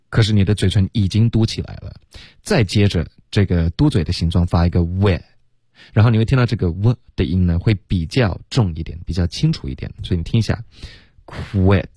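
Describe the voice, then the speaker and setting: A deep, low-pitched man leads a bilingual radio English lesson. He explains pronunciation patiently, step by step, drawing out his demonstrations. The studio sound is dry and close. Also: mellow, no room sound. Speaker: English teacher.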